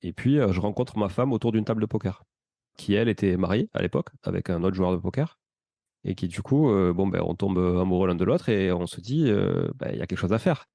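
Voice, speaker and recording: A man in his thirties with a Toulouse accent, telling his life story as a podcast guest in a relaxed, rambling way with many fillers. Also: low-pitched, a little fast, creaky, no echo, clean studio sound. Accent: Toulouse French. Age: 30s. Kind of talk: casual conversational storytelling.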